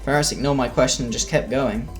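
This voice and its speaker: A man's voice: mid-range voice, fast talker, music in the background. A man streaming a game who reads visual novel text aloud and breaks off into muttered asides, while feeling sick.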